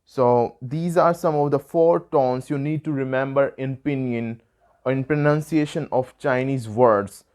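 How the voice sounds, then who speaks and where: Slow, clear-voiced Indian male tutor. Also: medium pitch, darkish tone. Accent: Indian English. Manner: patient, explains step by step, demonstrates sounds. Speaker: language tutor. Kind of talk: online language lesson.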